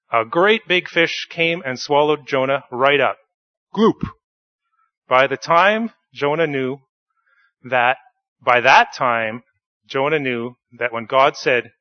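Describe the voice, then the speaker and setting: A man telling a Bible story to children in church, animated, with playful sound effects. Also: mid-range voice, no room sound, muffled recording.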